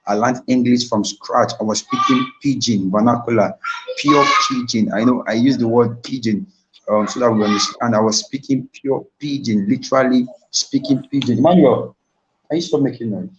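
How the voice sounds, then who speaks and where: A man's voice: medium pitch, background noise. Young nigerian guy talking straight to the audience on a live stream, repeats himself for emphasis, a bit muffled. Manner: earnest, repetitive storytelling, addresses the audience directly. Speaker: invited speaker. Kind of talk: live-streamed motivational talk.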